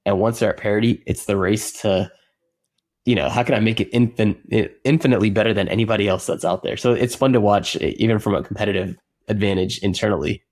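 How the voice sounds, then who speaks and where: A man being interviewed as a software company co-founder, speaking earnestly and reflectively in casual conversation, often restarting his sentences. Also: on the low side, fast.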